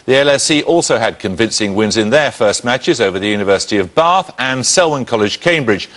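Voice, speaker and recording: A man hosting a televised quiz show, reading questions briskly and crisply in a studio. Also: mid-range voice, fairly bright tone.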